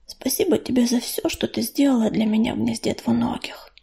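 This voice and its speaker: A woman's voice: high-pitched, lively intonation, fairly quick, warm tone. Woman voicing a wistful young she-cat. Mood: tender.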